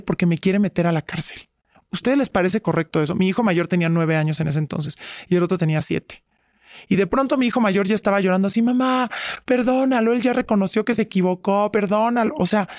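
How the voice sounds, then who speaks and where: A woman's voice: fairly low pitch, a little mellow, no echo, studio quality. A middle-aged woman, a guest giving earnest personal testimony and acting out past arguments. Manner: earnest, retells quarrels by acting out both sides. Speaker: interview guest.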